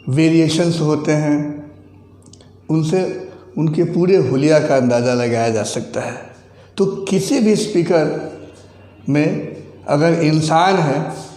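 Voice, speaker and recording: A male teacher lectures in a slow, measured way, often pausing to check that his listeners follow. His voice sits a little high for a man. The recording has a roomy echo with a long reverb tail. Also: warm tone. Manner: slow, deliberate explaining with frequent "theek hai" check-ins. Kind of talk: classroom lecture. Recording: echoey room with long reverb.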